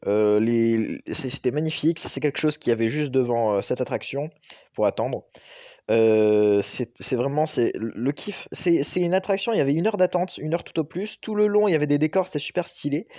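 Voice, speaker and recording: A man's voice: medium pitch, dark tone, dry recording. A young man doing a casual, enthusiastic vlog voice-over, with frequent hesitations. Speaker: vlogger. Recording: dull lo-fi dry recording.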